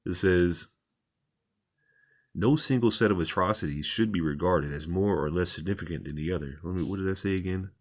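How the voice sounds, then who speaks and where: A man's voice: low-pitched, fairly quick. A man reading articles aloud and commenting on them in an informal, repetitive, plain-spoken way, as a religious commentator.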